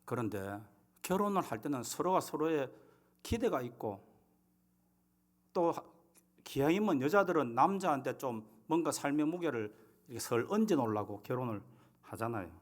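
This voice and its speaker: A man's voice: mid-range voice, expressive, normal speed, pauses often. A male pastor with a Gyeongsang accent preaching a humorous, conversational sermon. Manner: humorous, conversational, acting out scenes.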